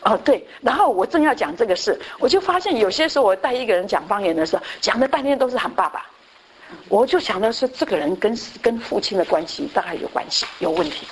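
A woman pastor giving a conversational Bible class. She repeats her phrases and often fills her pauses with a short affirming word. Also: fairly high pitch, big pitch swings, slight background noise, poor audio.

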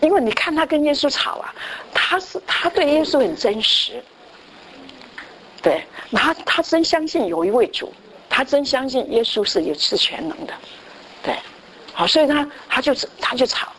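A woman's voice: high voice, lively intonation, normal speed, a bit bright, slight background noise. A woman preacher delivering a conversational sermon that tells a story, with frequent restarts and tag questions.

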